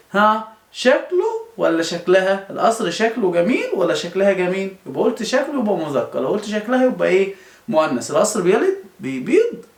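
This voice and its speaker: A man with an Egyptian accent teaching young children, coaxing them with repeated questions and answers. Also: sits high. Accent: Egyptian Arabic. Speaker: primary school teacher. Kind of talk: children's lesson. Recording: roomy echo.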